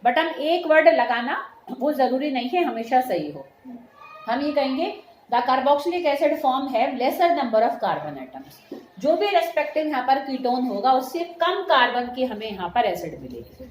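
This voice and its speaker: A woman's voice: high voice, very animated, measured pace. A woman teaching chemistry to a class, often checking that the students follow and calling them "beta". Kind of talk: classroom lecture mixing Hindi and English terms. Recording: echoey room with faint noise.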